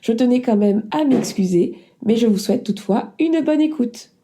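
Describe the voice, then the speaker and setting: A woman's voice: fairly high pitch, lively intonation, moderate pace, dark tone. A woman hosting a podcast, giving a scripted-sounding introduction or announcement to her listeners. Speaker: podcast host.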